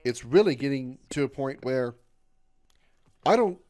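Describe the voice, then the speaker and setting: This man in his thirties is streaming a game and talking loosely with viewers in a mellow, medium-pitched voice with lively intonation and a measured pace. His talk wanders and circles back, he stumbles often, and he puts himself down glumly.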